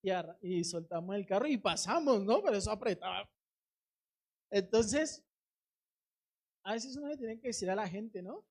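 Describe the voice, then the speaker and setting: A woman's voice: mid-range voice, animated, moderate pace, long pauses, darkish tone. A middle-aged woman preaching a sermon, urging the congregation directly and acting out quoted voices.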